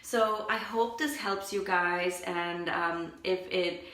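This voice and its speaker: A spiritual coach takes her time speaking, her lowish voice carrying a sharp tone as she answers viewers on a casual livestream. She's chatty and introspective, says "like" frequently, and the room has noticeable echo.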